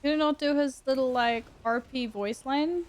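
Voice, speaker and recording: High-voiced woman streaming a game. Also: normal speed, slight background noise. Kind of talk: casual live gaming commentary.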